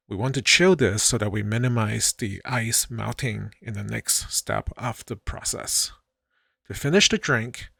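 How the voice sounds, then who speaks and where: A middle-aged man hosting his own channel, calmly explaining how he makes a drink in a voice-over, with a light self-mocking touch. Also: on the low side, vocal fry, no echo, clean studio sound. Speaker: channel host. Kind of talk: voice-over narration of a drink-making video.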